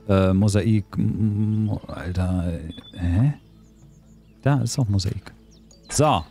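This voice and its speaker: A man giving casual gameplay commentary, talking to himself in a puzzled, joking way. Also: fairly high pitch. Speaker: let's play commentator.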